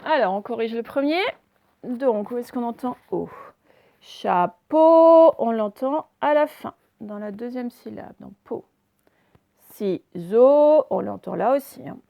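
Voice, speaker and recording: A woman teacher giving a recorded phonics lesson for young children, saying words slowly and over-articulating them, with repetitions and fillers. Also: a little high, vocal fry, lo-fi sound. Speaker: primary school teacher.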